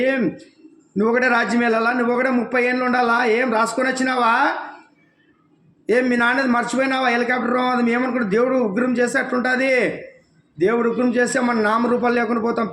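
A man's voice: very high voice, fairly bright tone, reverberant. A man from the region giving an impassioned political rant, scolding his target with one rhetorical question after another. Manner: scolding, rhetorical questions, addresses listener as nuvvu. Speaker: devotional channel speaker.

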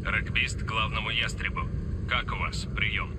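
An actor playing a stern military commander speaking in clipped radio talk through a radio transmission, in a game dub. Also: male voice, on the low side, little pitch movement, unhurried. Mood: terse. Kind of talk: video game dubbing. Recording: distant radio voice with noise.

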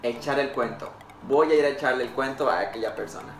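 A man's voice: medium pitch, echoey room, soft background music. A young man from Costa Rica with a Costa Rican accent, chatting casually in a teasing, playful way while playing a phrase-guessing game. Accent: Costa Rican Spanish. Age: young adult. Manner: playful, teasing, quick to laugh. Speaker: game contestant. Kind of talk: casual chat. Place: indoor living room, seated on a couch.

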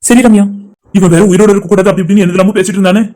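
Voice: mid-range voice, fairly even intonation, very fast, mellow, pitched below the performer's own voice, natural voice. A voice artist voicing a worried, protective male friend in a cartoon drama, anxious and urging. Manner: anxious, scolding then soothing.

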